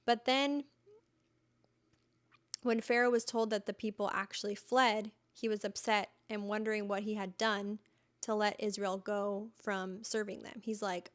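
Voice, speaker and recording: A woman's voice: mid-range voice, little pitch movement, a little slow. Chatty enthusiastic woman podcast host. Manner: chatty and enthusiastic, retelling scripture in everyday words. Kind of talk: casual Bible teaching podcast.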